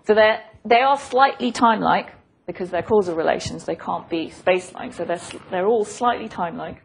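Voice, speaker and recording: Clicks and noise run through this recording of a woman giving an academic physics lecture. Her gravelly voice is medium-pitched and fairly quick, and she explains thoughtfully like a professor, pausing hesitantly and repeating phrases.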